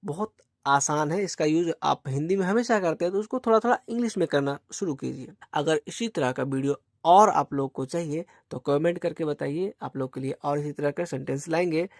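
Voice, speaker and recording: A woman gives a patient English lesson, asking and answering her own questions. Her voice sits low and mellow, and she says every English line slowly. The sound is dry and close. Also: no echo. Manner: drawls the English sentences slowly. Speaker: English teacher. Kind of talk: spoken English lesson in Hindi.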